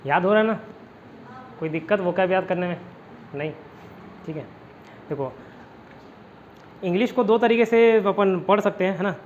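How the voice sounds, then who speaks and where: A man's voice: high voice, normal speed, pauses often. A man teaching an online class, chatty and often checking in with his students. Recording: dull lo-fi audio with faint noise.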